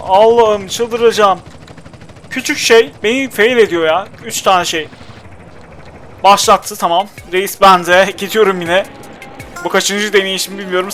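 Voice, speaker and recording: A man's voice: sits high, steady tone, a little slow, a bit bright, faint music behind. A young man giving casual, exasperated commentary while playing a video game and talking to his character. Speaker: gameplay commentator.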